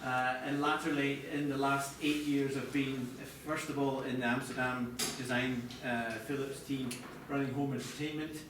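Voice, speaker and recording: A middle-aged Scottish presenter, the chief TV product designer, speaks live to an audience in an echoey room via a distant mic, with clear background noise. His medium-pitched voice holds a level tone at normal speed, with hardly any pauses, in a conversational, hesitant way marked by restarts.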